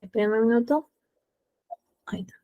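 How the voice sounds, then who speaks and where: Over phone-quality audio, a woman with a fairly high voice teaches a patient online French class. She explains vocabulary slowly, saying each French word and then its Spanish meaning.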